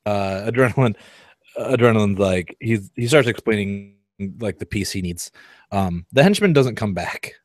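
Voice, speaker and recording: Low-voiced man running a tabletop game. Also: expressive, moderate pace, no echo, studio quality. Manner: laughing, loose, stumbling restarts. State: tipsy from wine. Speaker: game master. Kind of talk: narrating a tabletop role-play.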